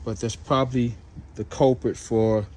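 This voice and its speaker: Standing outdoors by the car, the man behind this laid-back repair channel chats directly with viewers as he works. His nose is runny and he sniffs from a cold. The voice sits in the mid-range and keeps a measured pace.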